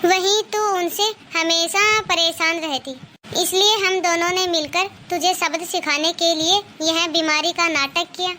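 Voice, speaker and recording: A woman doing a soft-spoken ailing mother from a cartoon story, high bright voice, pleading. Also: fairly even intonation, unhurried, slight background noise, full character voice. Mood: gently scolding. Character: older mother, gentle and ailing.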